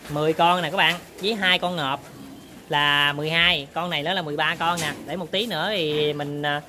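A man chats to viewers while he films his pig barn on a phone. His voice sits high and rings very bright. Faint barn noise runs behind him. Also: steady tone, a little fast. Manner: chatty, addresses viewers often. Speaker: pig farmer vlogger. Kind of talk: casual on-farm demonstration.

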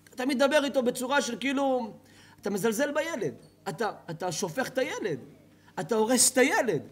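A man, a rabbi, giving a lively sermon to a live audience, telling stories, asking the audience questions and joking. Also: extremely high pitch. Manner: animated storytelling, asks the audience questions, jokes. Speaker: rabbi giving a Torah lecture. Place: hall with an audience.

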